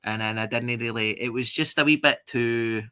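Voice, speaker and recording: Scottish man, comedian guest, bright forceful voice, animated storyteller, swears freely. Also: mid-range voice, normal speed, clear, resonant tone. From Scotland. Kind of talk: casual podcast interview.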